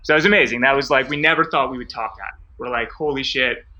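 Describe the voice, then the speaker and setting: A man with a very bright, sharp voice tells a long anecdote in a loose, rambling way, full of "like" and "uh". He speaks at an ordinary middle pitch. He is heard through a dull, lo-fi home microphone on an online call. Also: quick pace. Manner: loose and rambling, many fillers and asides. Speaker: storyteller at an online open mic. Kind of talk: casual storytelling.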